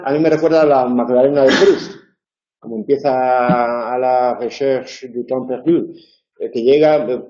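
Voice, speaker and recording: A man's voice: a little high, dark tone. Chatty male lecturer, roomy dull recording. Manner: chatty, wry asides, many fillers and restarts. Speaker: university lecturer. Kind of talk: informal tutoring lecture.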